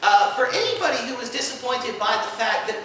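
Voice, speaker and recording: Speaking very fast in a very high, bright, forceful voice with big swings in pitch, a panel host at a fan convention improvises his explanations with enthusiastic emphasis. The unscripted presentation is captured from a distance in a very echoey room with faint noise.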